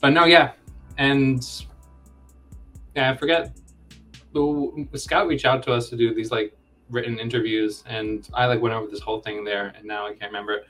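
A man's voice: medium pitch, steady tone, normal speed, pauses often, a bit bright, soft background music. A man of about thirty, a guest in a casual interview, rambling and joking at his own expense. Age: 30s. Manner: rambling, self-deprecating joking. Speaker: comic co-creator, guest.

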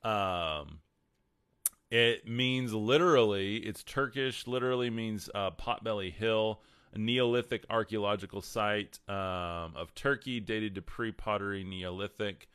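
West texas guy w a twangy drawl chatting on a livestream, lowish smooth voice, dry sound. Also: unhurried, a bit bright, dry recording. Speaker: livestream host. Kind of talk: casual livestream talk, answering viewer questions.

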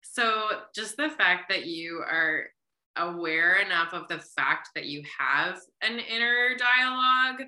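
A woman's voice: fairly low pitch, lively intonation, slow, bright, forceful tone. A woman in her thirties hosting a podcast, chatting reflectively and often saying "like". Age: 30s. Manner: reflective, chatty, heavy use of "like". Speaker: podcast host. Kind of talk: casual conversational interview.

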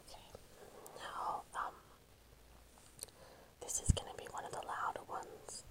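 A woman hosting a podcast, speaking in a soft ASMR whisper with hesitant fillers, recorded close to the mic in a quiet home. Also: measured pace, poor audio. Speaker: podcast host. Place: quiet home while others sleep.

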